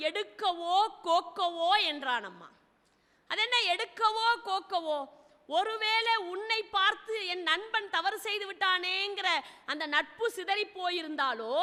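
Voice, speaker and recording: A woman devotional speaker with a very high, bright voice retells a sacred epic with dramatic flair. She often slips into the hero's first-person voice and keeps asking her listeners rhetorical questions. Her voice rings through a hall with a long reverb. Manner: poses rhetorical questions to the audience. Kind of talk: devotional storytelling talk.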